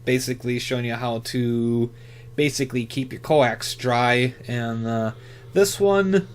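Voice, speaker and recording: This man's mid-range voice comes with slight background noise as he hosts a hobbyist channel. His commentary is casual and off the cuff, wandering along while he haltingly fixes his own words.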